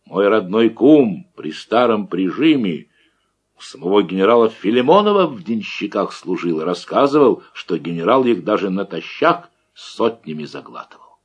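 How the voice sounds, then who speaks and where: A man's voice: on the low side, breathy edge, exaggerated voice. A man doing a blustering old village cook. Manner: folksy dialect, blustering. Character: old male Cossack cook, boastful and wily. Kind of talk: audiobook character reading.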